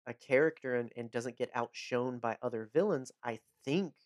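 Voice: medium pitch, moderate pace, dry recording, studio quality. A podcast co-host in a casual movie chat, rambling and searching for words.

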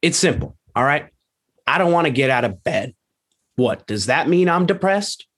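A man's voice: big pitch swings, moderate pace, fairly bright tone, full character voice. A man playing a blustering football coach. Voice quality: gruff, bewildered outbursts, voice cracking high. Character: blustering small-town male football coach, ignorant. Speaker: high school football coach. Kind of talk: comedy sketch interview.

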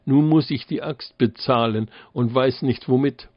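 A man's voice: medium pitch, measured pace, no echo, highs cut off, close to an everyday voice. A man voicing a stern, worried old woodcutter father who scolds his son.

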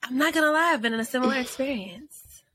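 A woman's voice: high voice, expressive, quick pace, pushed and bright, no echo. A woman co-hosting a casual podcast, telling a story in a rambling way with many restarts and laughs. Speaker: podcast co-host. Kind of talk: casual chat.

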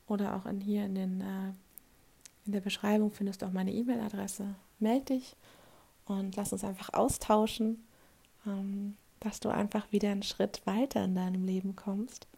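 Woman coach with a gravelly voice. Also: mid-range voice, dark tone. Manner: earnest and direct, often asking a quick "ja?" for agreement. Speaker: life coach. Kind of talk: motivational monologue addressed to the listener.

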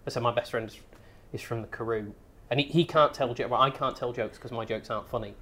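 A man's voice: mid-range voice, fast, pushed and bright. A man chatting as a podcast guest, a wine educator and comic who restarts phrases and tells jokes. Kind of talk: casual podcast chat. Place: studio near a busy street.

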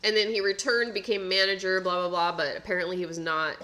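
A woman's voice: lowish voice, little pitch movement, quick pace, bright, forceful tone. A woman co-hosting a podcast, casually telling baseball history stories with dry asides. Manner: anecdotal storyteller, dry asides. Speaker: podcast co-host.

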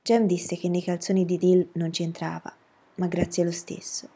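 Woman narrating a novel, mellow husky voice, steady pace. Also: lowish voice, normal speed. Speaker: audiobook narrator. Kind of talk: audiobook reading.

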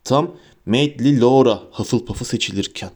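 Man voicing a proud, mournful ghost, storybook reading, measured and polite, dark tone. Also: mid-range voice, close to an everyday voice. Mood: courteous. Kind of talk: audiobook character voice.

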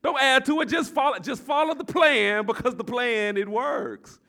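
A pastor in his forties preaching a sermon, swinging from shouted exhortation to quiet, confiding talk, and repeating his phrases. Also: very high voice, moderate pace, gravelly. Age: 40s. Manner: repeats phrases and tells the congregation to address their neighbor.

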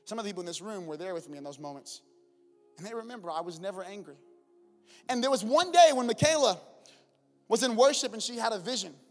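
A man preaching and telling his own story, swinging from loud praise to soft, quiet storytelling. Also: high-pitched, lively intonation, fast, long pauses, long reverb tail, faint music behind. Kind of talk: sermon testimony.

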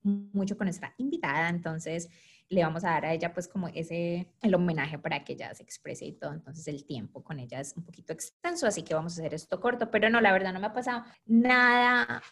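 A woman's voice: on the low side, brisk, a bit bright. Earnest chatty woman podcast co-host. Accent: Latin American Spanish. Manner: talkative, earnest, reflective. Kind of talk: casual chat.

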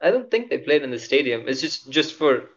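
A man's voice: mid-range voice, big pitch swings, fairly quick, a bit bright. A young man chatting casually on a podcast, rambling with lots of fillers and frequent swearing. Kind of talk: casual chat. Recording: dull lo-fi audio.

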